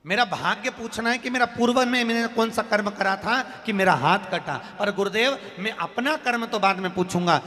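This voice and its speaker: A man's voice: on the high side, bright, forceful tone, long reverb tail. A man voicing a pleading wronged priest. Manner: pleading, repeated protests.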